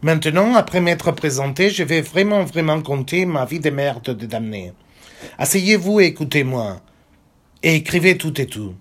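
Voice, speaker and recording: A man reading as an insolent boy of about ten who fought as a child soldier speaks bluntly, counting off his points and swearing freely. The voice sits a little high for a man. It sounds like a literary reading rather than a staged performance. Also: lively intonation, normal speed. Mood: defiant.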